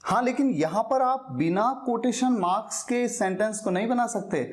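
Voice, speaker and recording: Patient male teacher explaining step by step. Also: high voice. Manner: patient, repeats words slowly to model pronunciation. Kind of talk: explanatory classroom lecture.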